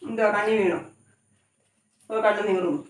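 A woman's voice: mid-range voice, fairly even intonation, moderate pace. Chatty woman in an echoey kitchen. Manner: rambling, conversational, often adds tag questions. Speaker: cooking vlogger. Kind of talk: chatty home cooking vlog. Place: home kitchen. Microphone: phone camera some distance away. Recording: echoey room, voice from far off.

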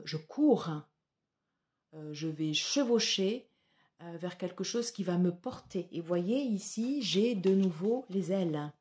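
A woman giving a tarot reading to her viewers, slow and hesitant with many fillers. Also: on the low side, a little mellow. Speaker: tarot reader.

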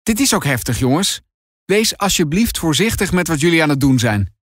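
A man's voice: a little high, sing-song, moderate pace, dry recording, studio quality. A man voicing a caring, worried mother in a storybook reading, concerned but firm.

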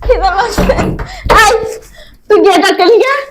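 An actress playing a hungry, childlike homeless madwoman who begs insistently for food, in a whiny, shrill voice. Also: moderate pace, background noise. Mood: pleading. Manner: begging insistently.

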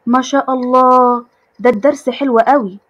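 A woman's voice: high-pitched, steady tone, normal speed, a bit bright, dull audio. A woman voicing a scolding mother. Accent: Egyptian Arabic. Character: exasperated middle-aged mother.

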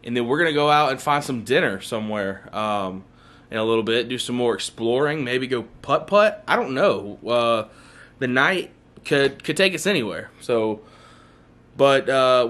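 A man's voice: medium pitch, expressive, moderate pace, fairly bright tone. A young man, chatting casually to camera in a travel vlog, upbeat and full of fillers. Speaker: vlogger.

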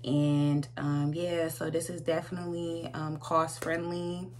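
A woman's voice: sits low, flat delivery, a little slow, faint music behind. A woman in her twenties with an American accent, chatting informally and slangily as a makeup vlogger. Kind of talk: casual chat, makeup tutorial. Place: small room at home, indoors. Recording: noisy home recording with hum.

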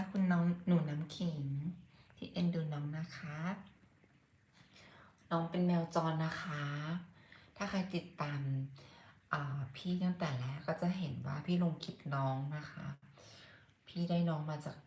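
A woman chatting casually on a livestream, talking softly and affectionately about her pet cat. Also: on the low side, steady tone, unhurried. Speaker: livestream host and cat owner. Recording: roomy echo.

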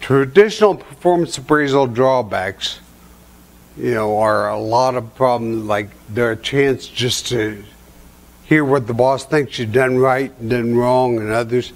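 A man's voice: medium pitch, a little slow. Older man telling folksy seminar stories. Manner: folksy, storytelling, chuckles at his own stories. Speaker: seminar presenter. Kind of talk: conference talk with anecdotes. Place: hotel conference room with seated audience.

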